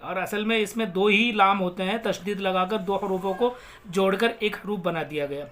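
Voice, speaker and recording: In this Quran reading lesson, the male teacher first spells out the letters and vowel marks individually, then recites each word slowly and at length. His voice is high-pitched with a fairly bright tone.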